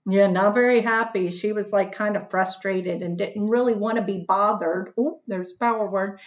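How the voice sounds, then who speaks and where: A woman leads a children's read-aloud lesson and stops often to pose questions to her young listeners. Her voice sits slightly high, and the recording sounds muffled and lo-fi. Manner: animated, asks questions and answers them herself. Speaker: teacher reading aloud. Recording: dull lo-fi recording.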